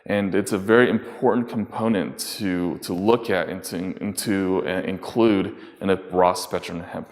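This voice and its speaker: A low-voiced man explains a scientific topic as a medical advisor, halting often with fillers and restarts. His voice trails into a long reverb. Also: steady tone, a little mellow. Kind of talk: explanatory talk.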